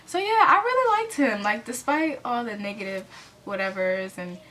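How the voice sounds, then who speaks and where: A woman's voice: on the high side, animated, normal speed, bright, forceful tone, slight background noise. A twenty-year-old American woman tells a personal story in a casual, rambling way, full of fillers and self-corrections. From United States. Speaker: vlogger telling a storytime.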